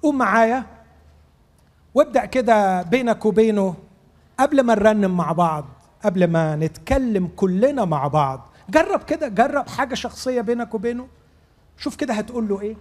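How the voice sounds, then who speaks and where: A man's voice: high voice, animated, fairly quick, a little mellow. A man preaching a fervent sermon in Egyptian Arabic, pleading with his audience and leading them into prayer. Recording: long reverb of a large hall.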